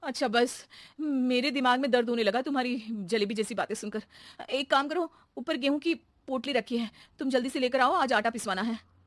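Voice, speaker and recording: A woman voicing a sensible, wryly teasing housewife with an expressive delivery in a comedy cartoon. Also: a little high, moderate pace, no echo, lightly acted. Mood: brisk. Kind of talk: comic Hindi cartoon acting.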